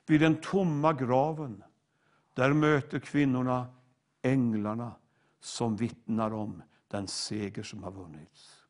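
An older man preaching a sermon, slow and emphatic, each phrase falling away at the end. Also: mid-range voice, fairly even intonation.

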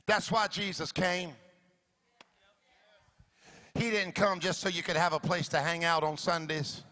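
A man delivers a rousing sermon in a very high-pitched, forceful voice with a gravelly edge. He booms out biblical narration in emphatic, stretched phrases, repeating them rhythmically over background music. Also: fairly even intonation. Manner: emphatic, drawn-out declarations with rhythmic repetition. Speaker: preacher. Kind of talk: rousing call-and-response sermon. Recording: music playing behind the preaching.

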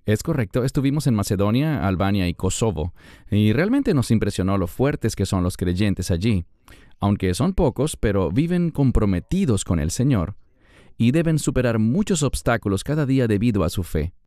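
Man explaining scripture, emphatic, swings his pitch a lot, dry sound. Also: sing-song, normal speed, dark tone, no room sound. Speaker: guest Bible teacher. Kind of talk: Bible discussion.

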